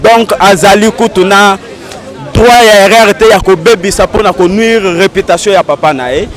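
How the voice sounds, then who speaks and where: A man's voice: high voice, moderate pace, some chatter behind. A man giving an earnest, insistent street interview outdoors in a city. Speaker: interviewee, party supporter.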